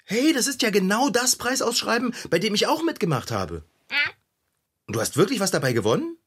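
A man playing an excitable bike repairman. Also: a little fast, husky, heavily acted. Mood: excited. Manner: excitable, swoops wildly in pitch. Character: cheerful, optimistic male bicycle repairman. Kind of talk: children's radio play acting.

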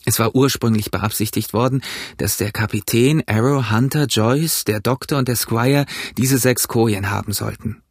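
A man narrating an audiobook in an even storytelling delivery. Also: medium pitch, moderate pace, no echo, clean studio sound. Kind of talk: scripted narration.

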